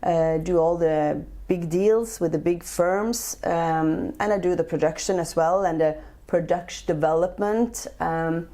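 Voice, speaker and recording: A chef and entrepreneur from Norway, in her forties, is a guest answering interview questions in English with a Norwegian accent. Her lowish voice is warm and a little slow with few pauses, though she still hesitates frequently and uses many fillers.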